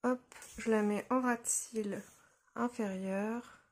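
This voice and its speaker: A young woman casually talking through a makeup tutorial, relaxed and hesitant with lots of fillers, recorded on a phone at home. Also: fairly high pitch, takes it slowly. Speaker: beauty vlogger. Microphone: phone camera.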